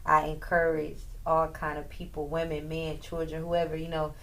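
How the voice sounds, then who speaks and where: A woman's voice: deep voice, completely flat delivery, normal speed. A woman musician, a guest on a talk show, talking in an earnest, rambling way. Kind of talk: casual chat.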